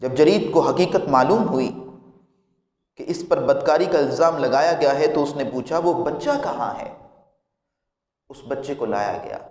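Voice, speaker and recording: A man preaching a sermon, retelling a moral tale in a slow, measured way. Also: mid-range voice, a little mellow. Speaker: religious preacher. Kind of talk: sermon storytelling. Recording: echoey hall with long reverb.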